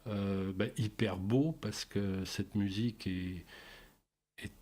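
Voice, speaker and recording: Guy telling stories on a radio show, lowish voice, lots of euh and pauses, kinda halting. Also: fairly even intonation, mellow. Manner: hesitant, many pauses and fillers. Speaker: guest. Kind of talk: radio interview, telling anecdotes.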